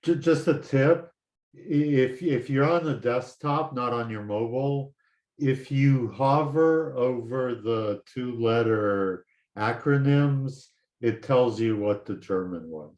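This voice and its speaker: Slow-talking man in an echoey room. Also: medium pitch, a little mellow. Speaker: seminar participant. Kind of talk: casual discussion.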